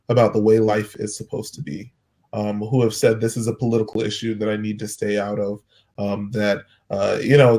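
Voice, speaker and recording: Earnest man, 30s, pastor; low-pitched, halting storyteller. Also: a little mellow. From United States. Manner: earnest, halting, with many restarts. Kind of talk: personal storytelling in conversation.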